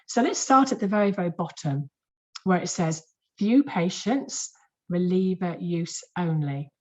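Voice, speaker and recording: A woman, a clinician, giving a lively and emphatic webinar lecture to health professionals in a conversational way, repeating words for stress. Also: fairly low pitch, measured pace. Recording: muffled lo-fi webinar audio.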